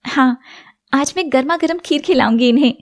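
A woman voicing a long-suffering young wife in an animated serial, soft and pleading. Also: high-pitched, brisk. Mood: hopeful.

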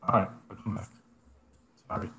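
A man's voice: moderate pace, sharp tone, a little hiss or hum. A man joining a livestream by video call, his voice echoing from a second device. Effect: echo from a second device. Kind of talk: casual chat. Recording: echoey call audio from far off.

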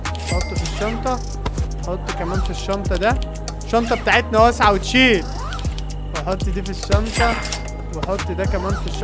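A young man with an Egyptian Arabic accent giving excited running commentary on a game and talking to his viewers. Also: high-pitched. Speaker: gaming YouTuber. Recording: game music playing behind.

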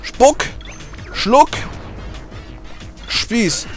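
A man doing let's play commentary, emotional and excitable, cheering, swearing and shouting at the game as he plays. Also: extremely high pitch, very slow, soft background music.

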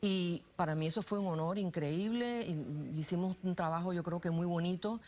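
A woman in her sixties, born in Cuba, talks on a lapel mic in a TV studio. Her voice sits low, and she speaks chattily, with many fillers and restarts. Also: normal speed, a little mellow, a little hiss or hum. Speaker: guest, political analyst. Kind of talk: studio interview, personal story.

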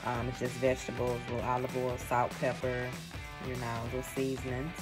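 Young mom talking to her phone in the kitchen, low voice, chatty and jokey, pop music going underneath. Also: monotone, a little fast. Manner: chatty, playful, self-mocking. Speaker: vlogger and mother. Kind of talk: casual cooking vlog chat. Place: home kitchen. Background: background pop music.

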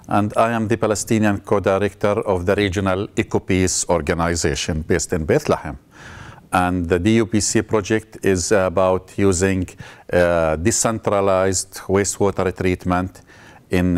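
Very deep-voiced man in his fifties. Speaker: organization co-director. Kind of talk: interview answers.

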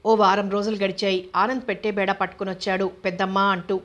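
Woman reading a novel aloud, flat and even. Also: medium pitch, fast talker, dull audio. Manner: steady, even narration. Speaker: narrator.

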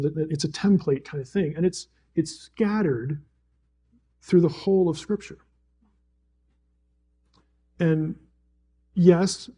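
A man's voice: fairly high pitch, dark tone, breathy edge. A man teaching the Bible at a fellowship gathering, telling stories animatedly with frequent restarts and chuckles. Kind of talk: live talk to a gathering.

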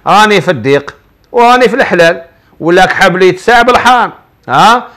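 Algerian sheikh, middle-aged guy preaching, high bright voice, repeats himself a lot for emphasis. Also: expressive, fast. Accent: Algerian Arabic. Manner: emphatic, repetitive, colloquial storytelling. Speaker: religious advice show host, sheikh. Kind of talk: preaching, answering viewer questions.

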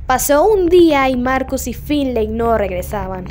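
A woman YouTuber giving chatty, jokey commentary on a game's story, retelling scenes with animated asides. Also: high voice, moderate pace, soft background music. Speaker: gaming YouTuber. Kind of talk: game story analysis commentary.

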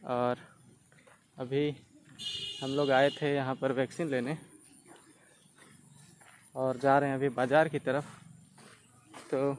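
Walking through country roads and a bustling street market, this young travel vlogger films on his handheld phone, with street noise in the background. His medium-pitched voice is flat and slow, with frequent pauses, while he chats to viewers as friends in a tour-guide manner.

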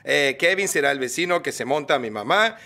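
A man running a script meeting in a comedy sketch, handing out absurd roles in a brisk, deadpan way. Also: fairly high pitch, heavy background noise. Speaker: writer leading a script meeting. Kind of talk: comedy sketch, Spanish dub.

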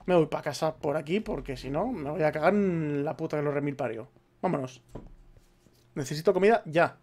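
Swearing Spaniard gamer muttering while playing. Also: male voice, fairly high pitch, moderate pace, darkish tone. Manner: swears a lot, mutters to himself. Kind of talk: let's play commentary.

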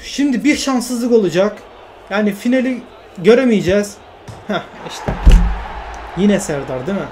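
A man commenting on his own football video game career, getting worked up and yelling at his teammates when plays go wrong. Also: sits high, moderate pace, background noise. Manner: excitable, shouts at his teammates, groans when things go wrong. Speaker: gaming YouTuber.

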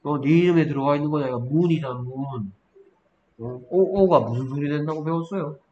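A high-pitched man tutors a single student, nagging and prodding for answers, asking questions again and again. A faint hiss of noise sits under the voice. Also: brisk, a little mellow, lo-fi sound. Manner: scolding, repeatedly prompting with "어?". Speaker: English tutor. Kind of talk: one-on-one spelling lesson.

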